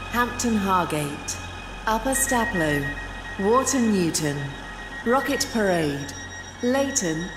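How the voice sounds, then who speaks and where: Station loudspeaker announcement, woman, slow even voice, echoey hall, train noise. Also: mid-range voice. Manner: slow, even, measured delivery. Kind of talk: automated railway announcements.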